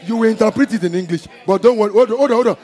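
A man preaching a church sermon, emphatic, with call-and-response shouts and chanting. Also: sits high, racing, a faint crowd. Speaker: pastor. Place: church hall. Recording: church service with music and congregation behind. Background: music and congregation.

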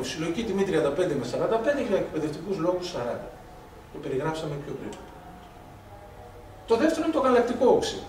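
Male medical lecturer, animated and high-pitched, distant mic with faint noise. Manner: animated storytelling, acts out dialogue, rhetorical questions. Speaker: doctor lecturing on blood gases. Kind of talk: lively medical lecture with anecdotes. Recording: echoey hall from far off, faint noise.

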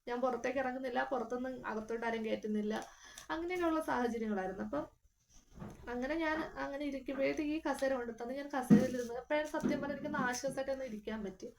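Young woman vlogger, high voice, earnest, emotional storytelling; faint noise behind. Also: fast talker, creaky, a little mellow. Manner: earnest, emotional retelling with many fillers. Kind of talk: casual personal storytelling.

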